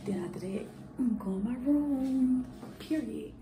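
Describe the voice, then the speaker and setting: A woman's voice: high-pitched, animated, normal speed, gravelly, dark tone, reverberant, rough recording. A woman in her thirties talking casually to her phone camera in a car and a hotel bathroom, blunt and profane, repeating herself as she chats. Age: 30s. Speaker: vlogger. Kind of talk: casual vlog talk to camera. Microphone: phone held close at arm's length.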